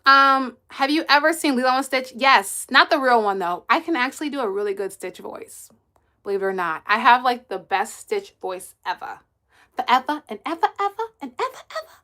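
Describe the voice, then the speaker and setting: A woman's voice: on the high side, normal speed, pushed and bright. A woman hosting a casual live stream, chatting and laughing as she answers viewers' comments. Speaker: livestream host and kids' coach.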